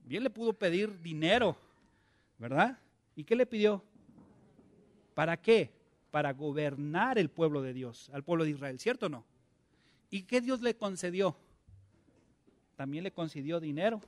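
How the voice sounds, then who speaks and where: A man's voice: fairly high pitch, expressive, a little slow, pauses often. A male pastor, preaching a conversational sermon and asking his congregation many questions.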